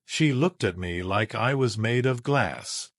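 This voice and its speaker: A man reading a first-person sci-fi story aloud in a measured, dramatic way. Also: medium pitch, lively intonation, dry recording, studio quality. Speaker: narrator.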